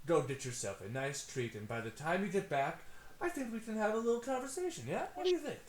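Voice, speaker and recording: Man doing an excitable, swooping fantasy businessman. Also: fast talker, slight background noise. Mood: charming. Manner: exclamatory, animated, swooping into high notes. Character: excitable, wheeling-dealing moustached fantasy businessman named Tony. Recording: echoey room.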